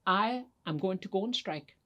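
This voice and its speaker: A woman voicing a fed-up but kindly old male Santa, speaking emphatically with drawn-out words in a children's story. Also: medium pitch, expressive, sharp tone. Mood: fed up, resolute.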